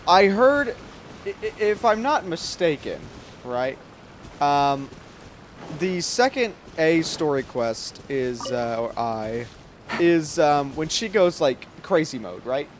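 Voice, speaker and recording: A game livestreamer rambles to his viewers in informal, slangy chat over background music. His voice is on the high side with big pitch swings and a slow pace, and there's slight background noise.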